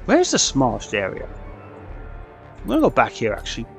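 A man with a headset, excitedly commentating his own shooter gameplay, swearing and shouting at the game. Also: medium pitch, fairly quick, vocal fry, soft background music. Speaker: gaming channel host.

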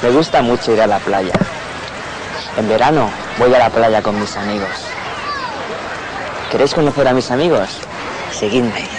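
A man's voice: mid-range voice, normal speed, pauses often. Young Spanish man on a noisy beach. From Spain. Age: 20s. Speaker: presenter of a language lesson. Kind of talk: slow scripted lesson talk. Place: outdoors on a busy beach. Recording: crowd and street noise outdoors.

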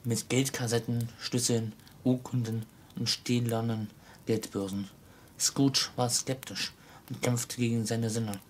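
Slow, even-voiced man reading a story. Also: medium pitch, a little hiss or hum. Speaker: audiobook reader. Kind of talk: reading a classic story aloud.

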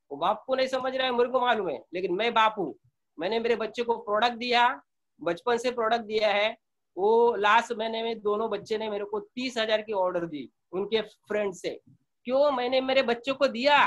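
Calm middle-aged male sales trainer. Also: extremely high pitch. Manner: conversational storytelling, mixes in English phrases; calm, repeats words, many filler sounds. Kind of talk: informal training talk.

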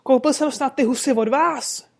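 A woman's voice: sits high, gravelly, slightly rough, voice pushed up, exaggerated voice. A woman reading an audiobook, voicing a furious, burly male market goose dealer who bellows coarse colloquial insults.

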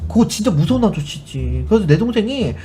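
A woman's voice: medium pitch, sing-song, brisk, warm tone. A woman hosting a live stream, chatting casually as she tells a story and acts out the people in it. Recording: music under the voice. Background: background music.

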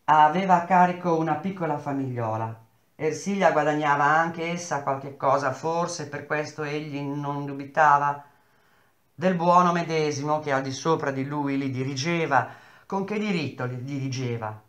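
A man reading a novel aloud in a measured, expressive storytelling manner. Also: a little high, roomy sound. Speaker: reader of a novel.

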